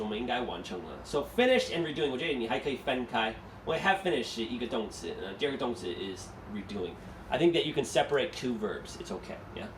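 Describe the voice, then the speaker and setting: A man's voice: medium pitch, a little hiss or hum. A man teaching an English class, explaining step by step and asking students questions, switching between English and Mandarin. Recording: echoey room, mic far off.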